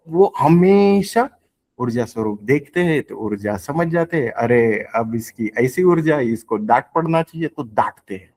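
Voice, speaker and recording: A man sharing a devotional testimony, earnest and halting, often repeating and restarting phrases and slipping in English words. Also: mid-range voice, darkish tone. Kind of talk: devotional testimony at a spiritual gathering.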